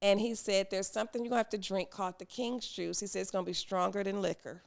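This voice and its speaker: Animated gravelly-voiced woman telling a story. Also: medium pitch, fast. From United States. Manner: animated, acts out quoted people, laughs often. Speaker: podcast host. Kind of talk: storytelling podcast monologue.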